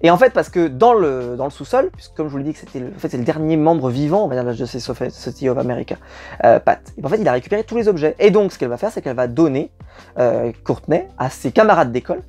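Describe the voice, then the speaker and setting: Young man, casual review, rambling delivery, fillers, soft background music. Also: a little high, very animated, fast talker. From France. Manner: rambling, many fillers and repeats. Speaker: YouTube series reviewer.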